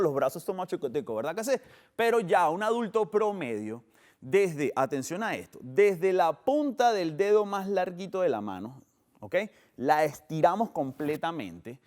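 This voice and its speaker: A man teaching a math lesson on an educational TV program, with a Colombian Spanish accent, explaining step by step and showing things as he goes. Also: high-pitched. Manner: animated, explains step by step with demonstrations.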